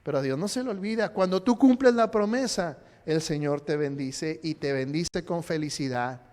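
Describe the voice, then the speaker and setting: His voice is on the high side and darkish, at a normal speed, as this pastor gives a sermon in a church sanctuary. Playful throughout, he cracks jokes and puts questions to his congregation. The recording has a long church hall reverb.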